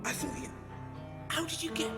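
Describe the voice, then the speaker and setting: An actor playing a nervous accomplice in an audio drama, hesitant, uneasy and questioning. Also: male voice, normal speed, close to an everyday voice. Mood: confused, fearful. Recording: music underneath.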